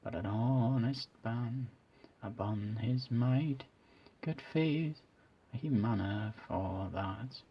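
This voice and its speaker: A man speaks in a hushed ASMR whisper, his voice airy and husky. He talks very slowly, letting each phrase drift out. The recording sounds dull and muffled. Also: medium pitch. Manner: soft whispering. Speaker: ASMR YouTuber.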